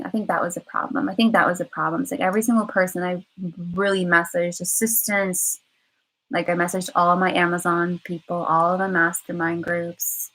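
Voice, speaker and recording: A woman's voice: lowish voice, a bit bright, poor audio. Rambling woman on a casual live stream. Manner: rambling, repeats phrases, many "like" fillers; candid and emotional. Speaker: vlogger.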